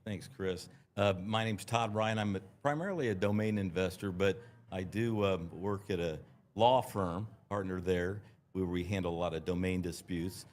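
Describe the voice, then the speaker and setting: A man who is a domain investor and lawyer, introducing himself as a guest in a measured, hesitant way. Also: low-pitched, darkish tone. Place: conference floor.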